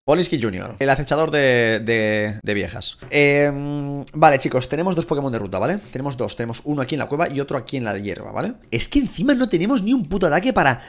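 Excitable, foul-mouthed Spanish gamer man. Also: mid-range voice, quick pace, hardly any pauses. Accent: Spain Spanish. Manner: excitable, crude, swears a lot, shouts at the game. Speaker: gaming YouTuber. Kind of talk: casual Let's Play commentary.

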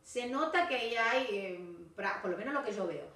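A woman's voice: a little high, lively intonation, moderate pace, a bit bright. A woman English teacher with a Rioplatense Spanish accent, giving corrective feedback in a recorded video class and switching between Spanish and English. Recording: echoey room, voice from far off.

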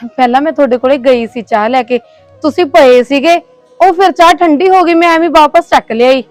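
A woman, playing a young newly married bride who talks softly and anxiously. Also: high voice, brisk, no echo, soft background music, lightly acted. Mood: pleading. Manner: soft, pleading and worried. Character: young new bride, anxious and put-upon. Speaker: actor. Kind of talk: village short-film acting.

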